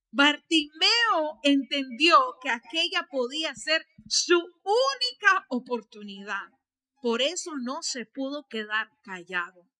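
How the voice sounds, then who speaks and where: High bright animated woman preacher. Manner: animated preaching, rising to shouts and dropping to soft asides; frequent tag questions to the congregation. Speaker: pastor. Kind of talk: sermon. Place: church.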